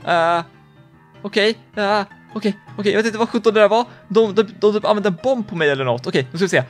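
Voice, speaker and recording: Excitable man commentating gameplay. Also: high-pitched, faint music behind. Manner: excitable, quick reactions, gasps and laughs. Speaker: gaming YouTuber.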